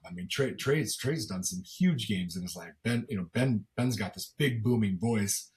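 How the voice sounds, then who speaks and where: A middle-aged man with a gravelly smoker's rasp chats casually as a sports interview guest, often repeating words as he goes in a folksy, self-deprecating way. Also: lowish voice, animated, normal speed, darkish tone. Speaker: football commentator and former coach, as guest.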